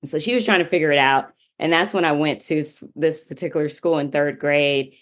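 Woman guest, lowish voice, chatty storyteller, casual interview. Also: brisk. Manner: chatty, many fillers like "you know".

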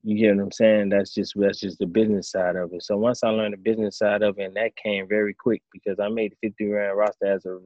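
A man in his thirties, a former quarterback turned coach, answering interview questions in a relaxed storytelling way. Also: lowish voice, fast, hardly any pauses, no room sound, lo-fi sound. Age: 30s. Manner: relaxed storytelling, acts out his own past thoughts.

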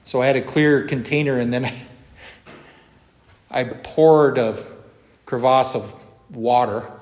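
Slow-preaching pastor in a reverberant church. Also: male voice, mid-range voice, darkish tone. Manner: slow, measured preaching with emphatic rises. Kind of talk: sermon. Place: church sanctuary.

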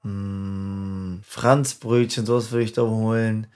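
Relaxed young man fumbling for words. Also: fairly low pitch, takes it slowly, clear, resonant tone. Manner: relaxed, searching for words, slangy. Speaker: podcast co-host. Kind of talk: casual podcast chat.

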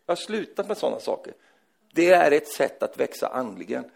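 A man preaching a sermon, animated, asking "va?" after his points and swinging from loud exclaims to quiet scripture reading. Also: a little high, creaky. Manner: tag questions "va?" after points.

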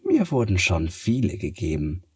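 A man's voice: sits low, wildly swooping pitch, a little mellow, slightly rough, no room sound, clean studio sound, full character voice. A man voicing a sly, kind talking cat from the moon in a bedtime story, purring and teasing. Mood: gentle. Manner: purring, drawn-out teasing delivery.

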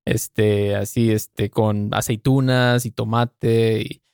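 A man's voice: on the low side, little pitch movement, takes it slowly, gravelly, darkish tone, clean tone, dry recording, clean studio sound. A man with a Mexican Spanish accent chatting casually with friends. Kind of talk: casual chat.

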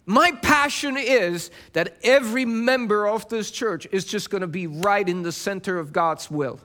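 A man's voice: high-pitched, unhurried, fairly bright tone. A male pastor preaching a sermon with fervent, emphatic delivery.

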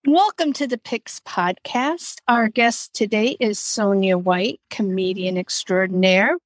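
A woman's voice: medium pitch, unhurried, no room sound. A woman hosting a podcast interview, friendly and laughing often. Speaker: podcast host.

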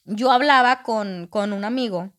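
Woman, 20s, podcast guest; candid storyteller who acts out the lines of others, mid-pitched. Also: measured pace, a bit bright. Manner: candid, acts out quoted dialogue. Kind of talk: personal storytelling in conversation.

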